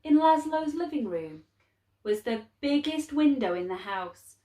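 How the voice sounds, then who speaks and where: A woman reading a story aloud to young children in a measured, expressive way with clear phrasing. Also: sits high, reverberant.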